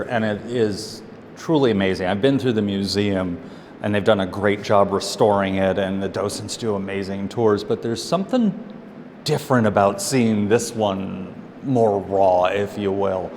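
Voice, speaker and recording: A man's voice: lowish voice, darkish tone. Curious male interviewer in echoey silo. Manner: friendly, curious, quick to laugh. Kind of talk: casual interview questions. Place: inside an underground missile silo. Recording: echoey concrete chamber, faint background noise.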